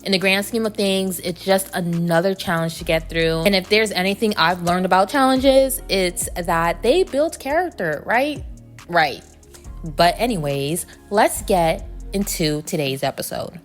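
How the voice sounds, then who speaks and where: A woman's voice: on the low side, lively intonation, normal speed, few pauses, faint music behind. A woman hosting a casual, reflective solo podcast, speaking candidly and conversationally, with slightly muffled articulation from braces. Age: adult. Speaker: podcast host.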